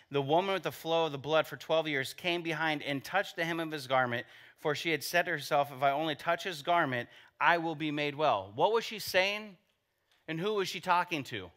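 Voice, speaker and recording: A man preaching a sermon with a bright, forceful voice pitched a little higher than most men. He talks to the congregation conversationally, asking rhetorical questions and dropping in joking asides. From United States. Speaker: pastor.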